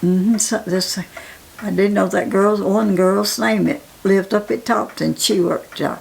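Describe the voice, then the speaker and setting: Very old Appalachian woman, gravelly and creaky. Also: medium pitch, steady tone, low-quality recording. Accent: Southern Appalachian. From Appalachia, United States. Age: 90s. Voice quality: aged, gravelly voice. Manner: halting, repetitive, plain-spoken. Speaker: interviewee. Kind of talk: casual reminiscence.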